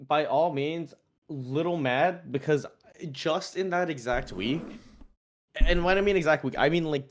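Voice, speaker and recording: A man with a raspy voice and a throat still sore from illness, co-hosting a casual podcast chat. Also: mid-range voice. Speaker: podcast co-host.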